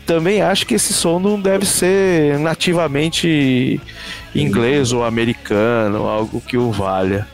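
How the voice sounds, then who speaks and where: A man co-hosting a casual music review, animated and slangy in his speech. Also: a little high, unhurried. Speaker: co-host.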